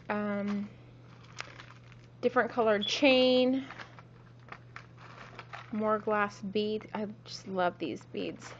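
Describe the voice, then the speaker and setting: A woman with a medium-pitched voice, slightly sick, gives a casual tour of her home craft room for her crafting vlog. She meanders, corrects herself and says "um" constantly, and the dull, lo-fi home video carries slight background noise.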